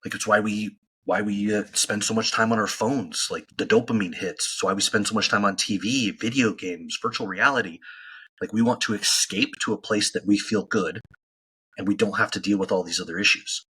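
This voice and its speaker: A man talking in a podcast chat with a low, husky voice that still has a bright, edgy tone. He argues emphatically and keeps asking rhetorical questions to drive his point home. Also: normal speed, poor audio. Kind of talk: casual podcast conversation.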